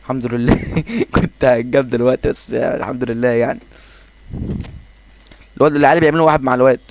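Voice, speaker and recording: A man with an Egyptian Arabic accent giving casual, excitable commentary over his own gameplay, joking and exclaiming as he plays. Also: mid-range voice, rapid-fire, creaky, noisy background. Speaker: gaming channel host.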